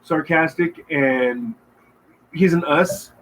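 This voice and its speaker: A man co-hosting a casual livestream chat, easygoing and joking, adding quick asides. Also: on the high side, fairly bright tone, rough recording. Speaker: podcast co-host.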